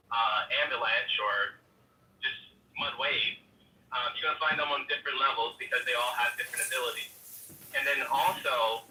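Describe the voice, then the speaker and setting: A man calling in to a debate, firing quick questions with many restarts. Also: mid-range voice, pushed and bright, roomy sound, distant mic, rough recording. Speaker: caller. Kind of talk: call-in debate.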